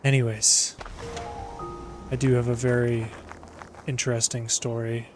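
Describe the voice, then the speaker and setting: Guy talking slow and flat over a game, calm music playing under him, dry humor. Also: mid-range voice. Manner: deliberately flat monotone, dry. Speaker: sleep channel host. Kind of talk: quiet game commentary with storytelling.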